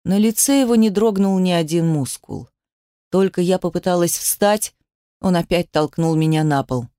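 A woman's voice: lowish voice, moderate pace, warm tone, smooth, no room sound. Woman narrating a tense audiobook, dry. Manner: tense, emotional storytelling. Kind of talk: dramatic first-person audiobook narration.

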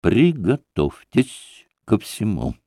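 A man doing a haughty, impatient doctor in an audiobook. He speaks with careless authority and clips every syllable. The delivery is slow and deliberate, and the sound is dry and close. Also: mid-range voice, very animated, darkish tone, no room sound. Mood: curt impatient. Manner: clipped, stressing every syllable. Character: curt, impatient, self-important male doctor.

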